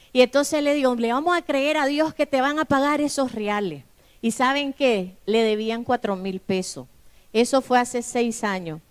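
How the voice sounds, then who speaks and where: A woman's voice: fairly high pitch, smooth. A middle-aged woman pastor, telling a testimony in a sermon and acting out the dialogue of the people in it. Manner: storytelling with acted-out dialogue.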